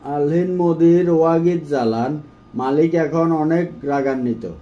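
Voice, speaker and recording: Slow, mellow-voiced man teaching phrases. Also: a little high, lo-fi sound. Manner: slow, measured, repeating each phrase. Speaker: language teacher. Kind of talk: phrase-by-phrase language lesson.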